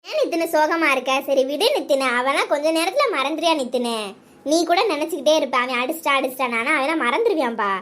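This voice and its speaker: A woman's voice: high voice, expressive, fast talker, fairly bright tone. A woman voicing a bossy but caring middle-aged village aunt in a cartoon, firm and soothing. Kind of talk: cartoon voice acting.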